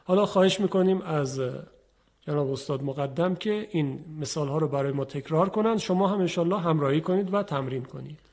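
Brief: male tajweed teacher, patient explainer, slightly high voice, demonstrates sounds. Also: a little mellow. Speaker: Quran recitation teacher. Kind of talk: instructional radio lesson on tajweed.

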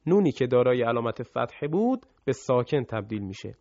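A man teaching Quran recitation rules, explaining quickly between slow, chanted examples for students to repeat. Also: mid-range voice, big pitch swings, darkish tone, no room sound. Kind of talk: recorded tajwid lesson with recited examples. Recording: dull lo-fi sound.

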